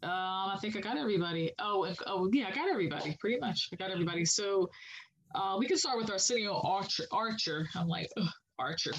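A woman co-hosting a casual podcast about songwriting, speaking in an unhurried, affirming way with many filler pauses. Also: medium pitch, animated, a bit bright, slightly rough, lo-fi sound. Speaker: podcast co-host.

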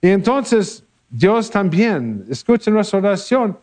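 A man, a priest, reading a gospel passage and then giving a gentle, easygoing homily with small laughs and playful repetitions. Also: sits high, big pitch swings, slow.

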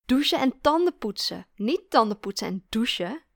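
A woman voicing a literal-minded, matter-of-fact young woman, speaking bluntly and a little higher than her narration. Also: very animated, normal speed, fairly bright tone, no echo, clean studio sound, heavily acted. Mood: amused.

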